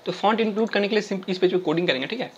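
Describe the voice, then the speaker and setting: A man's voice: sits high, rapid-fire, highs cut off, slight background noise. A young man hosting a coding tutorial, talking through each step in a chatty way and checking in with the viewer after nearly every line. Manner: chatty, keeps tagging lines with "theek hai?". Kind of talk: screen-recorded coding tutorial.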